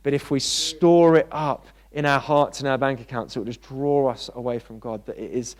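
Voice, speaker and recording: A man preaching a sermon in a church. He talks in a conversational way and gets animated when he tells stories. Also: mid-range voice, normal speed. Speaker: pastor.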